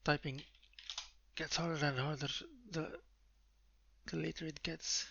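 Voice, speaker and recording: A man's voice: on the high side, little pitch movement, unhurried, gravelly, sharp tone. A man thinking aloud in a casual way as he codes live, muttering to himself with fillers and restarts. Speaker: live coding streamer. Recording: dull lo-fi mic with keyboard typing.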